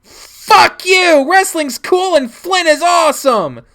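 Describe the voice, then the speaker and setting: An angry, defiant young animal boy, acted out by a man, pitched far up and straining into shouts. The delivery is whiny and tearful, with a bright, piercing edge, like a character in an emotional audio story. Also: big pitch swings, measured pace, full character voice. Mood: furious. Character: enraged, defiant adolescent male animal, cracking into shrieks.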